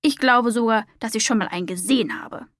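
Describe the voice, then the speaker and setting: A woman voicing a wise, calm male whale in a storybook reading, talking softly and with assurance. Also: a little high, a little fast, no room sound, clean studio sound, close to an everyday voice.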